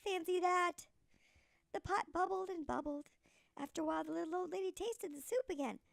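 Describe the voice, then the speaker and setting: Female storybook narrator, sweet old lady manner: high, creaky, deliberate. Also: no echo, clean studio sound.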